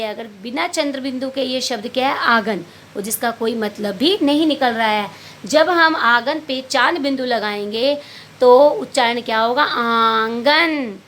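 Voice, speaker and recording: A woman's voice: on the high side, fairly bright tone, a little hiss or hum. A woman teacher explaining a Hindi workbook lesson to young pupils, patiently asking questions and answering them herself, calling them beta. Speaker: primary school teacher.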